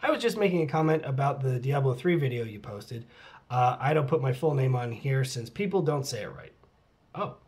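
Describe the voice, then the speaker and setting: Expressive and a little mellow, this middle-aged man's mid-range voice moves a little fast. He's a channel host at home with his cat, casually fielding fan questions from the comments, laughing a lot and dropping into muttered asides.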